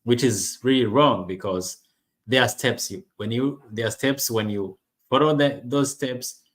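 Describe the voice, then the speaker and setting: A Rwandan man who runs an online business vlog talks casually and personally to the camera in English, which isn't his first language, with many restarts and fillers. His voice is medium-pitched, unhurried, and fairly bright.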